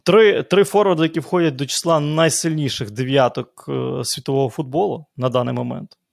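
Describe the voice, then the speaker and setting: A man's voice: mid-range voice, fairly quick, gravelly. A man who works as a football commentator, co-hosting a casual podcast chat, rambling and correcting himself as he talks.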